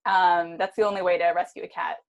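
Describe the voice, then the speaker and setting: A young adult woman co-hosting a casual podcast, animated and joking, with lots of restarts. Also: lowish voice, quick pace, vocal fry. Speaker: podcast co-host. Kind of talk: casual chat.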